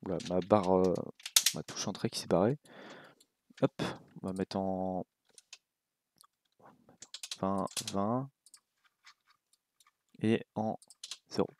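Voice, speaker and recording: A young man with a French accent giving a relaxed, casual coding tutorial at his computer, thinking aloud with many fillers and asides. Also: deep voice, slow, pauses often, a little hiss or hum. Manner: relaxed, talks while clicking, many fillers and little asides. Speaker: game development tutor.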